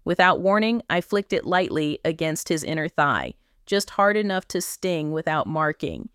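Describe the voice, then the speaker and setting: A woman with a low, smooth voice narrates an erotic story in the first person. Her reading is measured and commanding, and the recording is close and dry. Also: big pitch swings, fairly bright tone, no echo.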